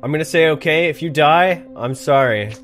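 A man's voice: fairly high pitch, normal speed, a bit bright, faint music behind. Joking gamer man reading cards aloud. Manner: reads game cards aloud and reacts with laughs and swearing. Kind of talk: let's play commentary.

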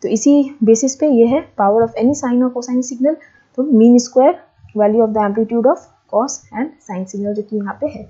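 A woman teacher works through a derivation at a steady, patient pace and keeps asking herself the next question. Her tone is very dark and mellow and sits a little high. The lo-fi recording sounds muffled. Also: slow, slightly rough. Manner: patient, repeats steps and asks herself questions. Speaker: lecturer. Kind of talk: board lesson deriving formulas. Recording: dull lo-fi lecture audio.

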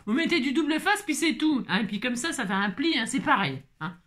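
A woman hosting a casual card-making tutorial, chatty and animated, thinking aloud as she works and dotting her talk with little interjections. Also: sits high, a little fast. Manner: chatty and animated, peppered with "hein" and exclamations; talks to herself while working, improvising aloud. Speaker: craft tutorial host.

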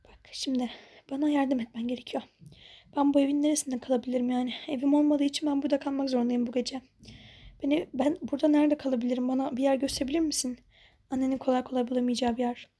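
A woman voicing a homeless young woman neighbor in a whispered role-play, talking in a hushed, pleading way. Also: high voice, level tone, fast, husky. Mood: coaxing.

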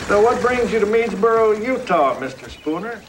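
A chatty small-town principal. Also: male voice, sits high, animated, moderate pace, background noise. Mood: amiable. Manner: chatty, self-deprecating, laughs easily. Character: genial middle-aged male school principal. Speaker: school principal.

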